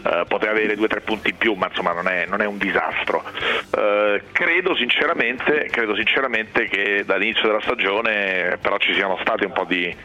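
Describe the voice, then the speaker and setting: Male sports pundit, forceful bright tone, lowish pitch, conversational and carefully qualified delivery. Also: brisk, dull audio, a little hiss or hum. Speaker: sports radio commentator.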